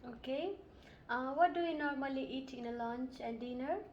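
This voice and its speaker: A woman's voice: high-pitched, moderate pace, lo-fi sound, slight background noise. A woman from Nepal, playing a nurse and asking polite, methodical questions in a scripted health assessment role-play. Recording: roomy echo.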